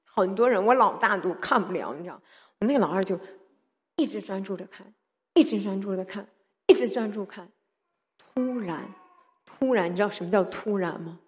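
A woman in her thirties preaching a personal testimony, telling the story in an animated way that swings from soft talk to loud, emphatic calls. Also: mid-range voice, normal speed, long pauses. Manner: mixes in English words. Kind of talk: sermon testimony.

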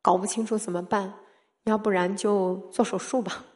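A woman in her thirties preaching a personal testimony, telling the story in an animated way that swings from soft talk to loud, emphatic calls. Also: mid-range voice, moderate pace. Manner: mixes in English words. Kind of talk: sermon testimony.

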